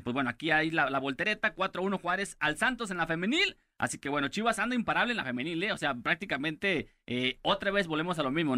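A Mexican man hosting a morning show, talking quickly and reeling off sports results. His voice is bright and a little raised, and it is recorded dry and close. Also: on the high side, dry recording. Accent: Mexican Spanish. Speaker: radio morning show host. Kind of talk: casual sports chat.

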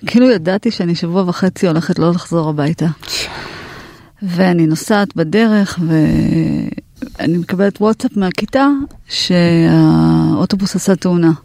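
A woman guest telling her story with halting restarts, her voice rising when she quotes herself. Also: on the low side, vocal fry, warm tone, no echo, clean studio sound. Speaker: guest, mother. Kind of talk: emotional personal storytelling.

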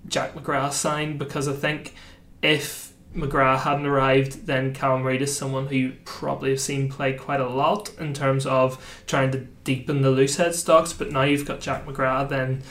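A man's voice: mid-range voice, level tone, unhurried, few pauses, fairly bright tone. Teasing podcast man in an echoey room. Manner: teasing, then rambling through opinions. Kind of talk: casual chat and analysis.

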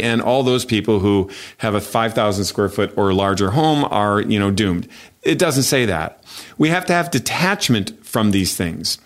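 Male podcast host, mid pitch, animated, emphatic, faith advice talk.

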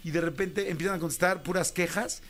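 A man's voice: high-pitched, fairly even intonation, brisk, a bit bright. A Mexican man in his fifties, a radio host animatedly telling a slangy story about his first job and acting out the voices in it. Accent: Mexican Spanish. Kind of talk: casual storytelling.

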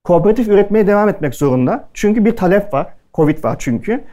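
A man from Türkiye tells stories to a live audience in a loose, conversational way. His voice sits a little high for a man, and he keeps slipping into the voices of the people he quotes. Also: animated, quick pace, mellow. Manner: chatty anecdotal delivery, acting out quoted dialogue. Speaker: speaker at a culinary event. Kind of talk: casual storytelling talk to an audience.

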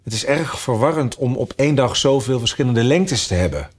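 A man's voice: medium pitch, lively intonation, brisk, slightly rough. A shy, very polite young girl from a storybook, voiced by a male reader. She sounds unsure and a little confused, her speech lifting and falling as she answers carefully. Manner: timid and very polite.

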